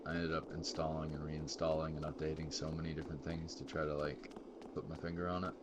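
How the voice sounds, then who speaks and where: A man's voice: rumbling low, level tone, fast, very noisy. A man streaming a game live, rambling casually and thinking aloud with sudden exclamations. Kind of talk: casual gameplay commentary.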